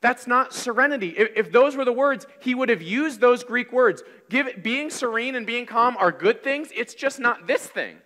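Bright, lively man preaching in a hall. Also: extremely high pitch, normal speed, few pauses. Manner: conversational, energetic preaching with wide gestures. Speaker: pastor. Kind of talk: sermon. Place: large church hall, on stage at a wooden pulpit. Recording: reverberant church hall.

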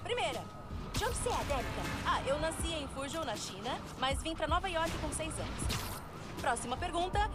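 A chatty young woman podcaster in a video game, upbeat and jokey. Her voice sits high and swings lively up and down, with loud music playing underneath. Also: moderate pace. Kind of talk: game voice acting.

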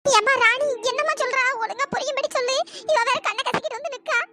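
A voice actor voicing an elderly cartoon grandmother who fusses and coaxes, with a pitch-shifted voice. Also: fast talker, no room sound, clean studio sound, full character voice. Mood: coaxing. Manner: coaxing, fussing questions. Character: elderly grandmother, scolding yet doting. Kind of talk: cartoon storytelling dialogue. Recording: loud background noise.

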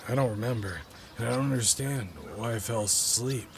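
A man's voice: medium pitch, fairly quick, vocal fry, slight background noise, lightly acted. An actor playing a tired, confused widowed father. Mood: weary.

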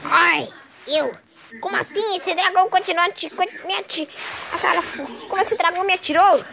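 A speaker playing out a toy dragon story, shouting battle cries and drawn-out attack names. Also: very high voice, vocal fry, crowd noise. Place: small bedroom, indoors. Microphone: handheld phone close by.

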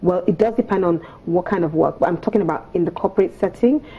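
Talking fast in a lowish, slightly rough voice, a woman in her thirties with a Nigerian accent gives explanations as an etiquette coach guesting on a morning show, sitting on the studio sofa set. Her delivery is prim, precise and instructive, and the audio is narrow and tinny.

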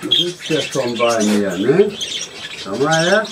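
A woman's voice: a bass voice, big pitch swings, slow pace. A woman, coaxing and soothing her pet budgies with short, repeated questions. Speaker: bird keeper. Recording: noisy, birds chirping close by. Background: chirping and squawking budgies.

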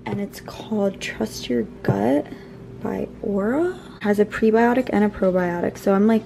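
A woman's voice: medium pitch, a little slow, vocal fry. A woman in her twenties chatting casually to camera in a vlog, sometimes dropping to a whisper. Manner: chatty, with whispered morning asides. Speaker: vlogger. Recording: noisy phone-camera vlog audio.

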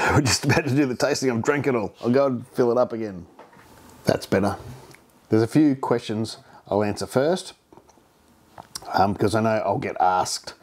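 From the bar room in his home, a fifty-something Australian home brewer vlogs a relaxed beer review. He has a mid-range, darkish voice and talks in a rambling, chatty way, full of ums and false starts.

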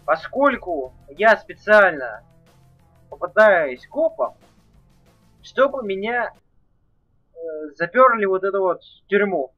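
A man's voice: sits high, animated, slow pace, long pauses, muffled recording, soft background music. A man acting out and narrating an improvised video game skit.

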